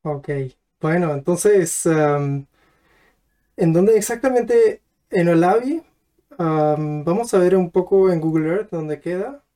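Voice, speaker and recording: A man hosting a podcast who introduces the episode and asks his guests guiding questions in a measured way. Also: high voice, expressive, mellow. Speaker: podcast host and interviewer. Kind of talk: scripted intro, then casual interview.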